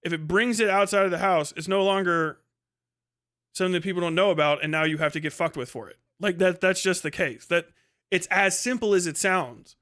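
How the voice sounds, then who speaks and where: This American man talks fairly quickly in a high-pitched, fairly bright voice as he livestreams a casual rant, responding to chat. He is blunt and profane, argues with exasperation, and hammers his points by repeating them.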